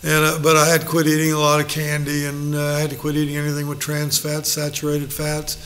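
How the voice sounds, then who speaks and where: A man's voice: fairly high pitch, completely flat delivery, fairly quick, fairly bright tone, a little hiss or hum. A middle-aged male pastor leading a Bible study, folksy and joking, acting out little quotes.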